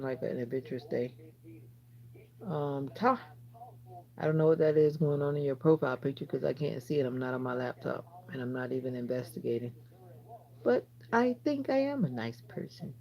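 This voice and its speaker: Gravelly woman chatting on a livestream. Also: very deep voice, muffled recording. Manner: chatty, talks straight to viewers, rambling asides. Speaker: livestream host. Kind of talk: casual livestream chat reading comments.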